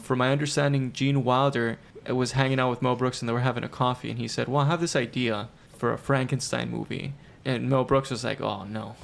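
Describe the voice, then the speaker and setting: A man with a gravelly, mid-range voice co-hosts a casual movie review podcast. He jokes, riffs and talks over his friends in loose banter. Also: medium pitch, flat delivery, brisk, hardly any pauses. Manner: jokey, riffing, talks over others. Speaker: podcast co-host.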